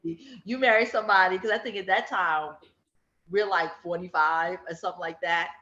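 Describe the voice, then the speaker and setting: A woman's voice: lowish voice, fairly even intonation, moderate pace, sharp tone. A woman in her fifties chatting casually, telling stories and acting out what people said. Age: 50s. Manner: chatty storytelling, acts out quotes. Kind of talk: casual chat. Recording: dull echoey room sound.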